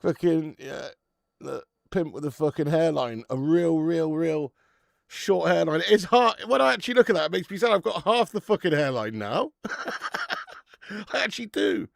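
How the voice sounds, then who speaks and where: A man's voice: fairly high pitch, lively intonation, moderate pace, creaky, dry recording, clean studio sound. A man, hosting a football watch-along and bantering with chat, laughing and swearing freely. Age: 30s. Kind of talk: casual live-stream chat.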